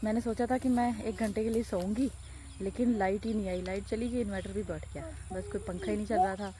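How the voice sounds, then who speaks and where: A woman's voice: mid-range voice, steady tone, brisk, background noise. Chatty young woman vlogging. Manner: chatty, addresses viewers directly. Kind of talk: casual vlog chat.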